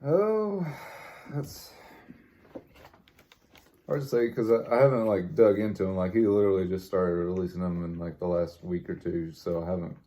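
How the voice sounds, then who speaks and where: A man's voice: deep voice, moderate pace, long pauses, warm tone. A man chatting casually with a friend, a little hesitant as he thinks aloud. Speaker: guest on a friend's food vlog. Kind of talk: casual chat about favorite music.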